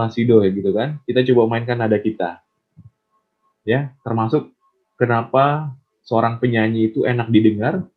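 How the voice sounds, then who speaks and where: Man teaching an online class, tinny line. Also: medium pitch. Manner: encouraging, asks students questions.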